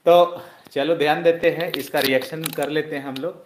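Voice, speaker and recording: A male chemistry teacher with a fairly high voice leads an online class. He has students chant answers back at him and scolds them as he teaches. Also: steady tone, moderate pace, noisy background. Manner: loud call-and-response drilling, chiding students.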